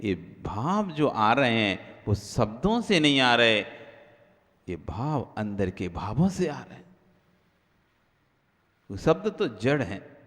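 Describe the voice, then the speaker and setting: A man giving a sermon as a monk, chanting scripture verses slowly and then explaining them with questions to his listeners. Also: fairly bright tone. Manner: acts out everyday quoted remarks in a lower voice. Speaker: Jain monk preacher. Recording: long hall reverb.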